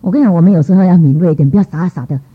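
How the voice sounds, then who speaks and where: A middle-aged woman telling a lively church testimony, acting out what people said in changing voices. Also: racing, husky. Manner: lively, acts out quoted voices with pitch jumps. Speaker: church speaker giving testimony. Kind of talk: storytelling testimony talk. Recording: dull lo-fi recording.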